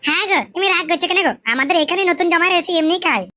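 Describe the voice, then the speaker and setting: Flustered young wife played by a woman, high, quick and pleading. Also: bright, forceful tone.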